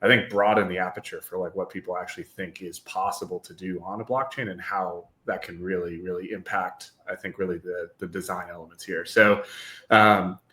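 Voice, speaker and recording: A young man hosts a technical podcast with an upbeat, loose delivery full of fillers. His voice sits low but has a bright, forward edge. The room gives it an echoey ring. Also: steady tone, a little fast. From Wisconsin, US. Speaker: podcast host. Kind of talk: casual technical podcast hosting.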